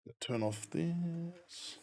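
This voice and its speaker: A man's voice: on the high side, lively intonation, very slow, creaky, mellow. A man chatting casually on a game livestream, rambling in a mildly exasperated way. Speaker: game streamer.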